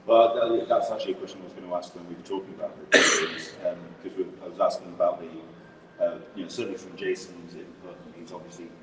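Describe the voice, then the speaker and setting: A man's voice: sits low, level tone, quick pace, heavy background noise. A man with an English accent hosting a live panel interview, polite and chatty as he asks questions. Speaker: panel host. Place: museum room with audience. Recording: echoey room, far from mic, crowd.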